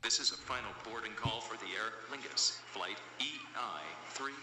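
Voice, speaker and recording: A man's voice: fairly low pitch, normal speed. A man making a formal boarding announcement over an airport PA system. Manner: formal, even announcement delivery. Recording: very echoey PA with music. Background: guitar music.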